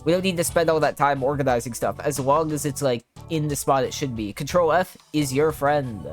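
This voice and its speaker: A man with a rather high voice cracks jokes and trades casual banter as he explains how he designs and codes games. His talk is loose and friendly. Soft music sits faintly underneath. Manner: joking, quick to laugh, casual "bro" banter. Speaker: indie game developer. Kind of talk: casual co-host chat about game development.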